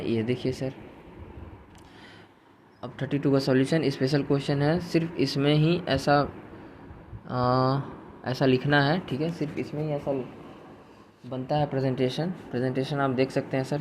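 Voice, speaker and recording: A man's voice: medium pitch, fairly even intonation, moderate pace, pauses often, darkish tone, slight background noise. Chatty man teaching an accounting lecture. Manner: chatty, mixes English terms, answers imagined student questions. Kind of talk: recorded lecture.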